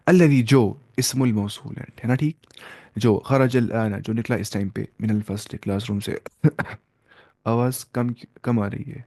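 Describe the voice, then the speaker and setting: A man's voice: lowish voice, a little mellow, no room sound, clean studio sound. A man with a Pakistani Urdu accent teaching an Arabic grammar lesson. He reads Arabic phrases, then translates and repeats each one in Urdu.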